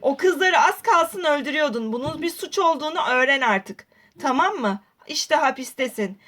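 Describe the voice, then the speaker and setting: A woman's voice: high-pitched, lively intonation, moderate pace, fairly bright tone, pitched below the performer's own voice. Stern policeman, put on by a woman. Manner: firm, scolding. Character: stern adult male police officer. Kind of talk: toy-doll roleplay voicing.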